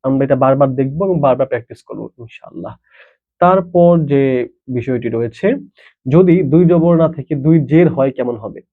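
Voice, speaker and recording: A man's voice: medium pitch, fairly quick. A man teaching Quran reading, patiently spelling out each letter and vowel mark and repeating every syllable. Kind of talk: slow spelling-out lesson. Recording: tinny phone-like sound.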